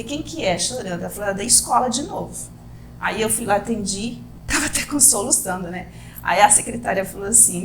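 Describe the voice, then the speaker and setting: A Brazilian woman with a high, bright-pitched voice tells a personal story on a casual podcast. She is animated and slips into the voices of the people she quotes.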